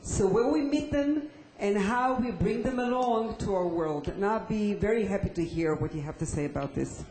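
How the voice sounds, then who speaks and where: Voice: medium pitch, moderate pace, background noise. An audience member at a conference, commenting hesitantly with many fillers. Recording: echoey conference hall.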